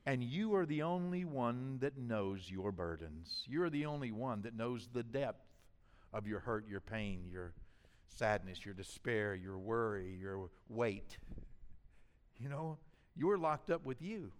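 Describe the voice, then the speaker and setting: An older man preaching a sermon as pastor, swinging between loud build-ups and hushed asides. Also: mid-range voice, animated, slow pace, long reverb tail.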